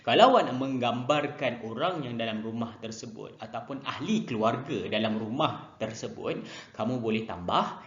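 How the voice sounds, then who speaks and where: A man teaching a Mandarin lesson online, speaking slowly and repeating each word twice for students to copy. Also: medium pitch, lively intonation, a bit bright, roomy sound, muffled recording. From Malaysia. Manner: slow, drills pronunciation by repeating words twice.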